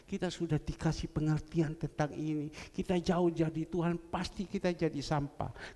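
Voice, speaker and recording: A man, a pastor telling stories in a sermon and swinging from loud to hushed. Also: a little high. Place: large church. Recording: echoey church hall.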